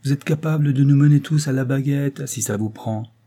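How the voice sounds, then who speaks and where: A man voicing a jovial, excitable young man-about-town who talks eagerly and exclaims a lot. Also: mid-range voice, brisk, pitched above the performer's own voice, lightly acted.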